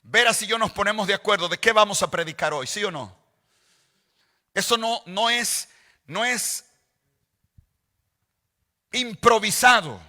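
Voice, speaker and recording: A male pastor preaching a sermon, slow and deliberate, repeating phrases and rising to shouts on quoted scripture. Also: high voice, big-room sound. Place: large church hall.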